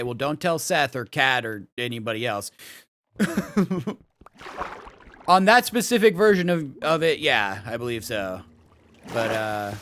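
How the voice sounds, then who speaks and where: Streaming a game live, this man chats in a relaxed way, reads out messages from chat, and thanks people for follows and subs while breaking into excited laughs. His voice is mid-range, with slight background noise.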